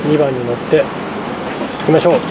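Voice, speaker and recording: Street noise sits behind this camera-mic recording of a travel vlogger exploring city streets and a cafe. His voice is a little high, steady in tone, and fairly quick. He chats casually as he walks and eats, thinking out loud with plenty of fillers.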